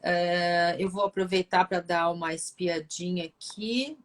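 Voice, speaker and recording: A woman's voice: lowish voice, fairly even intonation, unhurried. A woman hosting a live video chat, reading viewer questions aloud. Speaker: host.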